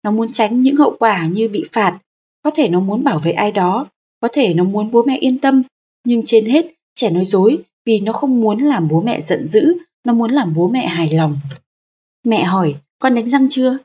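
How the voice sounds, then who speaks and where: A woman narrating a parenting audiobook in a calm, steady, explanatory manner. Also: medium pitch, normal speed, breathy edge, muffled recording.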